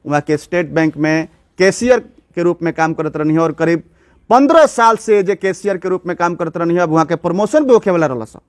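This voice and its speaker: A man's voice: fairly high pitch, lively intonation, a little fast, no echo, clean studio sound. A male local news reporter with a Bhojpuri accent, asking questions in an on-the-spot report and soothing the grieving family. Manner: soft, consoling with the children, urgent when questioning. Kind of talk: on-the-spot field report and interviews.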